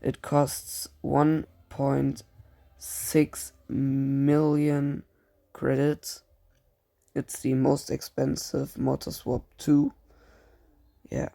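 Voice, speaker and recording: Gaming YouTuber, male, German accent, dark heavy fry, monotone delivery. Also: mid-range voice. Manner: halting, frequent fillers and restarts. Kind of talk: casual game commentary.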